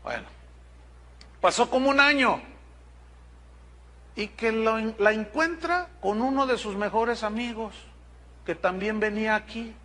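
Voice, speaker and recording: A man's voice: high-pitched, a little slow, long pauses, pushed and bright. A man preaching a sermon as pastor, talking directly and telling stories with quoted dialogue.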